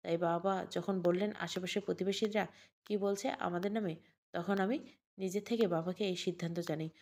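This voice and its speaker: A woman's voice: on the low side, steady tone, normal speed, a little mellow. A woman voicing an anxious, earnest young widower in an audio story.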